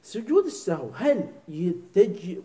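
A man teaching a religious jurisprudence lesson, often stopping to ask his students whether it is clear and to quiz them. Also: sits high, sing-song, measured pace, dark tone, low-quality recording. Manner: keeps asking students "clear?" and quizzing them.

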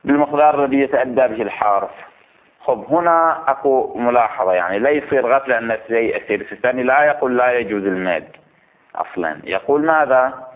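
A man's voice: medium pitch, animated, fast talker. A man teaching a class on recitation rules, explaining step by step and asking the students questions. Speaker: religious teacher. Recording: tinny phone-like lo-fi recording.

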